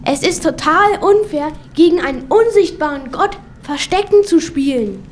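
Woman as a high-voiced plucky young boy. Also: lively intonation, moderate pace, a little hiss or hum. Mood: curious, indignant. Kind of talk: children's audio drama acting.

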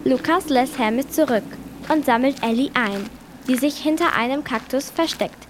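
A woman narrator telling a children's adventure story in a lively scripted style. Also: high voice, normal speed, slight background noise. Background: music.

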